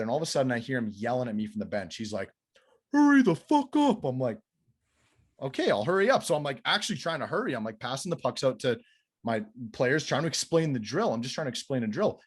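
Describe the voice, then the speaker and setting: A man, a goalie coach telling a story as a podcast guest, animated and swearing freely, his voice rising when he acts out quotes. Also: medium pitch, fast talker.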